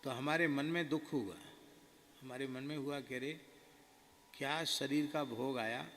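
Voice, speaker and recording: A man telling a devotional story as a sermon, slow and earnest. His voice has a gravelly edge, and it rings out with a long echo, as in a hall, over faint background noise. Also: mid-range voice, a bit bright. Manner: slow, earnest, recounting in first person. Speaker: spiritual preacher.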